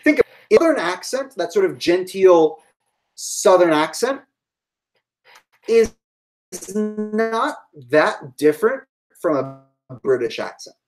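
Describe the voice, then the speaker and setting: A woman's voice: fairly low pitch, sing-song, slow pace, pauses often, soft background music, rough recording. A woman giving a live-streamed history lecture to online students, thinking aloud with fillers and asides.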